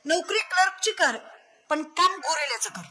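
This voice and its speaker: A woman voicing a calm, scheming male boss who speaks in a quiet, matter-of-fact way. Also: very high voice, moderate pace. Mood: sly.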